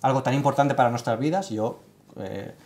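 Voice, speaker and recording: A man's voice: medium pitch, moderate pace, a little mellow. A man in his thirties in a casual studio panel chat, talking emphatically with many fillers and restarts. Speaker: tech site writer leading the segment. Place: studio set with sofa.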